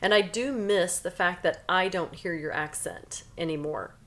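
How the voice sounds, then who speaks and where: A woman's voice: on the low side, normal speed, fairly bright tone. A woman in her fifties co-hosting a podcast, talking frankly and chattily. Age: 50s. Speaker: podcast co-host. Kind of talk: casual chat.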